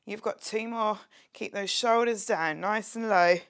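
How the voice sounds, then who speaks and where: A woman's voice: medium pitch, a little slow, smooth. A young woman leading a home workout, upbeat and encouraging, exercising as she talks and sometimes dropping to a whisper. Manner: upbeat, encouraging, chatty with jokes; exercising while talking, drops to a whisper at times. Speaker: fitness instructor. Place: her home, near a street window.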